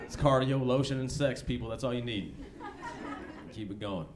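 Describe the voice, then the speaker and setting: Live in a club, a forty-year-old American man does laid-back stand-up comedy that's conversational, slangy and profane. His voice is mid-range at normal speed, and the live club recording has background noise.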